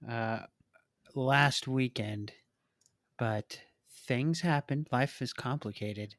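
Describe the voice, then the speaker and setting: Male co-host, middle pitch, dry room, easygoing and questioning. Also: slow pace, fairly bright tone, no echo. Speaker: podcast co-host. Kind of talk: casual sports podcast chat.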